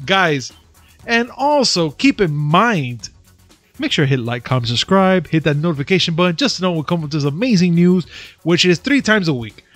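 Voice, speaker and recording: A man co-hosts a gaming podcast in casual, joking banter that is full of swearing and mock bragging. His voice sits a little high, and it is recorded dry and close. Faint music plays underneath. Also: animated, normal speed, a bit bright, dry recording. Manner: joking, boastful, swears freely. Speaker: podcast co-host.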